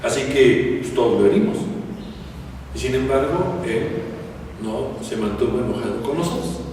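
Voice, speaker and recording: A man's voice: mid-range voice, animated, normal speed, darkish tone. A man teaching scripture in a chatty way, often asking the audience rhetorical questions. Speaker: Bible teacher. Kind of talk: conversational Bible teaching. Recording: echoey hall from far off, faint hiss.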